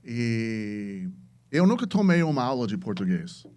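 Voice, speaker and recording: An American venture capitalist, a native English speaker, appears as a guest on a casual podcast interview and talks about his experience in Portuguese. He hesitates, hunts for words and often restarts, in a mid-range, sing-song, unhurried voice with a darkish tone.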